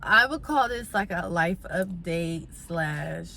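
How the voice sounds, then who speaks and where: A woman's voice: fairly low pitch, slow, gravelly, slight background noise. A young woman vlogger, chatting casually as she eats on camera. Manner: relaxed, chatty, eating while talking. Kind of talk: casual mukbang chat.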